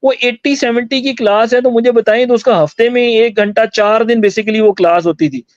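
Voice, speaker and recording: A man's voice: very high-pitched, moderate pace, dry recording, dull audio. A man who teaches IELTS answers interview questions, explaining step by step and switching into English phrases. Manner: explanatory, mixes Hindi-Urdu with English phrases.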